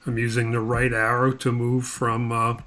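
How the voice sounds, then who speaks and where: A man walks through a software tutorial step by step without a script, thinking aloud and speaking haltingly as he works. His pitch is medium and his delivery completely flat.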